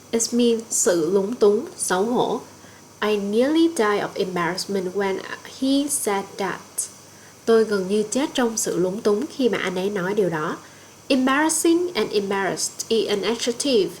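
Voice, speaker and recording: A woman with a Vietnamese accent teaches English vocabulary in a recorded lesson voice-over. Her voice sits a little high, and she moves between accented English definitions and Vietnamese explanations. A faint hiss runs under the recording. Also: poor audio. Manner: explains each word in English, then again in Vietnamese.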